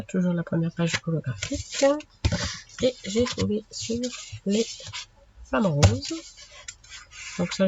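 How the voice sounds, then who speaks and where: A woman hosting a craft channel, showing her purchases in a relaxed, chatty way with many fillers. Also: lowish voice, gravelly. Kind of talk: casual haul video. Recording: lo-fi with audible background noise.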